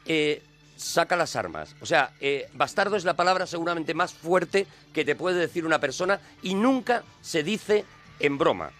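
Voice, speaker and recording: Spanish guy on the radio, kinda high voice, lots of "eh" while he explains, faint music behind. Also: expressive, normal speed, fairly bright tone. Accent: Spain Spanish. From Spain. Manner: explanatory, many fillers and restarts. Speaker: radio show co-host. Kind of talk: casual radio chat.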